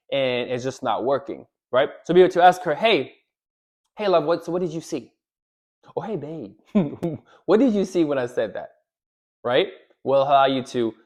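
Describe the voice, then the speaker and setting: A man giving relationship advice straight to the camera, animated, often checking in with "right?" and acting out what a wife might say. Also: medium pitch. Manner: animated, repeats "right?", acts out quoted lines. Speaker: relationship coach. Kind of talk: direct-to-camera advice talk.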